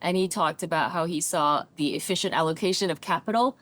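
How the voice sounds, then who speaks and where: A middle-aged woman from China who works as a therapist and coach speaks as a guest in a reflective interview, with no echo on her fairly low, fairly quick voice. Her English leans a bit American, and she is animated and thoughtful, often checking in with "right?".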